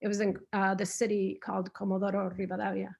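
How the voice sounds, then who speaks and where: A woman's voice: mid-range voice, completely flat delivery, quick pace, gravelly, a little mellow. A woman from Patagonia in Argentina giving an online artist talk, thoughtful and prone to restarts, heard over a video call. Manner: thoughtful, with frequent restarts and fillers. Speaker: visiting artist speaker.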